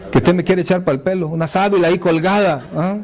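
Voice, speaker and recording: Casting: man pastor, sermon delivery, fairly high voice, swings from hushed to fervent. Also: fairly quick, crowd noise. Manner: preacher swinging from soft asides to raised, fervent appeals. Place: church sanctuary.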